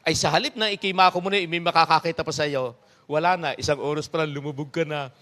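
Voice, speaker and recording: Chuckling man preaching, a bit high-voiced. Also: fast. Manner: animated, chuckling, rhetorical asides to the congregation. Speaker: pastor. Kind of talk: conversational sermon.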